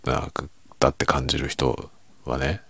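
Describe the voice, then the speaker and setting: A man chatting casually and quietly by himself late at night, musing and giving his opinions in a low-key way with softened sentence endings. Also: flat delivery, measured pace, dry recording. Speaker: writer chatting as host.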